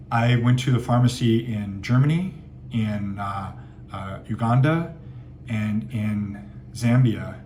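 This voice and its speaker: A man's voice: fairly low pitch, a little mellow, slight background noise. A man giving candid, chatty travel advice, answering viewer questions with frequent fillers and sarcastic asides. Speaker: travel vlogger. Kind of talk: casual Q&A monologue.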